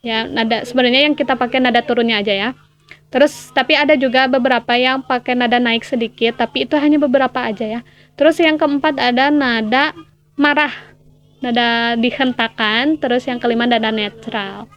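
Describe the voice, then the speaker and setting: A woman's voice: on the high side, steady tone, brisk, fairly bright tone. Chatty woman hosting a casual lesson. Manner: chatty, demonstrating sounds aloud. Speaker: language lesson host. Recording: slightly muffled with faint background music.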